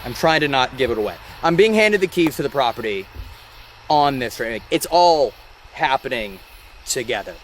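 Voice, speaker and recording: A man hosting a live-stream vlog outdoors, talking in an excitable, rambling and emotional way. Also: medium pitch, moderate pace, slight background noise. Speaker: ghost-hunting channel host. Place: outdoors by a rock wall during a thunderstorm. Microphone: phone or camera on a live stream.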